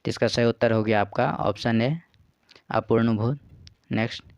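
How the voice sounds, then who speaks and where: A man's voice: medium pitch, steady tone, moderate pace, darkish tone, clear, resonant tone, no echo, lo-fi sound. A man patiently explaining practice exam questions as a teacher. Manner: patient, repeats "ठीक है" and "देखिए".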